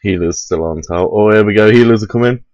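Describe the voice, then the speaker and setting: A man's voice: lowish voice, fast, a little mellow, dry recording, muffled recording. A young man chatting casually and teasing a friend as he watches a video game on a voice call. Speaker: spectator on a group voice call watching a friend play. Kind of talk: casual gaming commentary.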